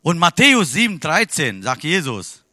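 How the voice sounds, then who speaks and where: A man with a preaches in halting, German. His voice is sharply bright and slightly high, moving between quiet asides and loud exclamations. The sound is dry and close. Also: wildly swooping pitch, no room sound. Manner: non-native German with broken grammar. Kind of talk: sermon.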